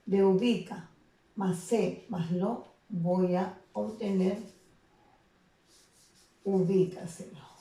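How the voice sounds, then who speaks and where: Female teacher, gravelly tone, patient step-by-step explainer, recorded from a distance. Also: medium pitch, steady tone, extremely slow, long pauses, mellow. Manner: patient explaining, frequent tag questions. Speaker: secondary school teacher. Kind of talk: recorded grammar lesson. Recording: echoey room, voice off the mic.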